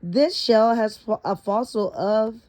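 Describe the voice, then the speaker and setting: Reading a children's science storybook slowly, a woman pauses now and then to repeat or fix words. Her voice sits on the high side with a darkish tone.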